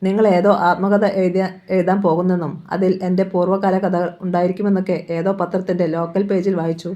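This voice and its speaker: A woman's voice: fairly low pitch, level tone, fast, dark tone, lo-fi sound, natural voice. A woman playing a smug, threatening politician. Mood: menacing. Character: arrogant, menacing male chief minister.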